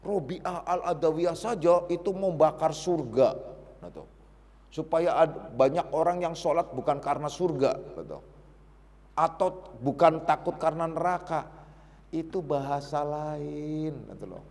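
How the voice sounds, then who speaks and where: A male Sufi teacher, giving a casual, teasing sermon that swings between loud and quiet. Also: fairly high pitch, measured pace, long reverb tail.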